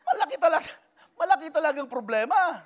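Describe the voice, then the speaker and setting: A man preaching a sermon in church as pastor, animated, with acted quotes and sudden shouts. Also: extremely high pitch, quick pace.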